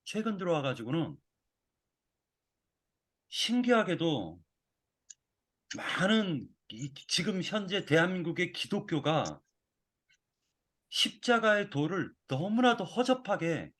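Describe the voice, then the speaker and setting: A man giving a sermon with a measured, reflective delivery. He pauses often and restarts phrases as he works through a thought. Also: a little high, a bit bright. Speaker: preacher.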